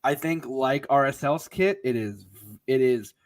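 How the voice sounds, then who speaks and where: A man's voice: mid-range voice, unhurried. A man co-hosting a soccer podcast in casual chat, often stumbling and restarting his sentences and laughing. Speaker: podcast co-host.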